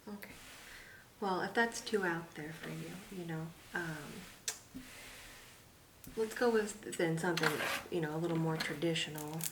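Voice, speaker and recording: A woman doing a soft-spoken ASMR role-play as an easygoing art consultant, musing and hesitant as she talks. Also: low-pitched, unhurried, long pauses. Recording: distant mic, loud noise, typing and clicks. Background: typing, clicking and tapping.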